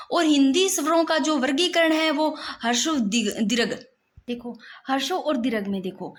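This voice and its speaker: A young woman teaching Hindi grammar in a casual, insistent way, often saying "look" as she writes out examples. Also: high-pitched. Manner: repeats "dekho" often, insistent and explanatory, writes while talking. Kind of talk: casual classroom explanation.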